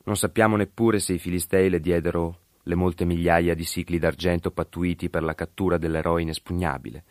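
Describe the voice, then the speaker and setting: Male narrator with a very low voice for measured, literary scripture storytelling. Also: steady tone, a little mellow, no echo, studio quality.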